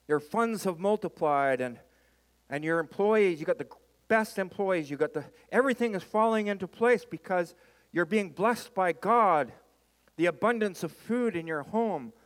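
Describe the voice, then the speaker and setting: A man preaching a sermon as a pastor, with an emphatic delivery that leans on dramatic repetition. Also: high-pitched. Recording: reverberant hall.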